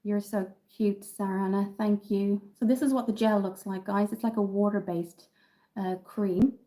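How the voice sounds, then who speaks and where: This is a woman from Dublin, Ireland, whose mid-range voice sounds dark and steady as she moves at a moderate pace. She's answering viewer comments on a beauty livestream, chatty, upbeat and heavy on the ums, captured by a phone camera.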